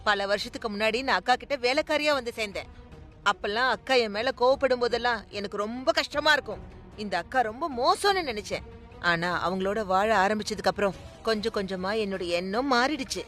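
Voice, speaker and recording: A woman's voice: on the high side, fast, a bit bright, soft background music, lightly acted. An actress dubbing a fierce, outspoken woman who confronts a schemer in a TV serial drama. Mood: earnest. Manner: accusing, sarcastic. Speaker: household member, once a maid. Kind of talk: dubbed TV serial acting.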